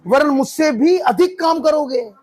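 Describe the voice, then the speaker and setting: A man's voice: very high voice, unhurried, a little mellow. A man as pastor, preaching a sermon with emphatic rising questions to the congregation.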